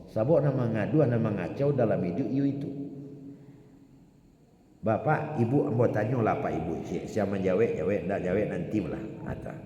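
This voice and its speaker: A man preaching an Islamic sermon with a Minangkabau accent, his voice low and mellow. He tells the story dramatically and questions his congregation as he goes, at times dropping to a hush and at times pushing out hard. The sound rings with long hall reverb over a faint background hum. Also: moderate pace. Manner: dramatic, swinging between hushed and loud emphasis; addresses the congregation directly with questions.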